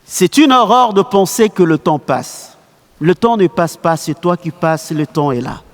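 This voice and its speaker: A man's voice: sits high, lively intonation, a little slow, slight background noise. A man telling a story on stage in a lyrical, dramatic, half-sung way. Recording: background music.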